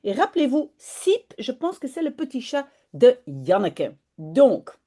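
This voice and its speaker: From her home office, a high-pitched woman language teacher reads a children's story aloud at a measured pace. Afterward she explains it into her webcam mic, friendly and animated.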